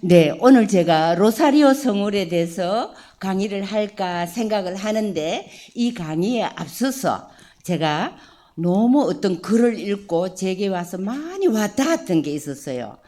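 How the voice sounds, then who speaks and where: Slow, mellow-voiced Korean nun lecturing. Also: female voice, medium pitch. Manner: slow prayerful opening, then lively conversational teaching with questions to listeners. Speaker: religious sister giving a lecture. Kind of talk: prayer then spoken lecture.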